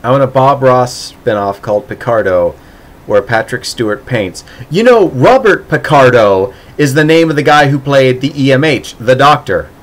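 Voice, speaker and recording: A man's voice: medium pitch, animated, normal speed. A man chatting casually as a streamer answering his chat, sarcastic and playful, with mock-dramatic outbursts and frequent laughing restarts.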